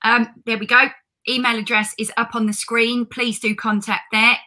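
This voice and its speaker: A woman's voice: on the high side, flat delivery, moderate pace, bright, forceful tone, poor audio. A woman hosting a live online interview, enthusiastic and upbeat. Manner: enthusiastic, keeps saying amazing. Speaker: interview host.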